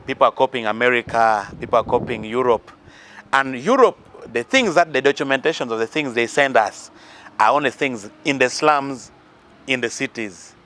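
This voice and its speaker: Speaking at normal speed with a medium-pitched, slightly bright voice, this Ugandan-accented musician from the country's north gives interview answers about life advice and his influences. He's earnest but fills his speech with fillers and restarts, and there's slight background noise.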